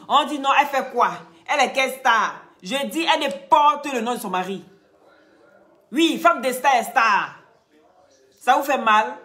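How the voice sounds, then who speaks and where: A woman's voice: fairly high pitch, a bit bright. A woman giving emphatic live-stream commentary, scolding her viewers and often asking them "hein?".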